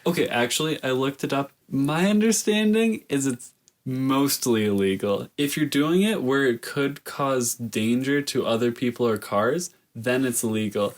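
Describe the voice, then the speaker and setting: A man's voice: mid-range voice, unhurried. A young man, a podcast co-host in casual chat, joking and explaining things plainly.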